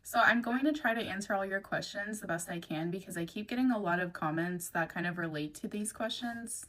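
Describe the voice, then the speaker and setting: A woman's voice: medium pitch, a little fast, fairly bright tone, poor audio. A young woman earnestly explaining her personal story in a vlog.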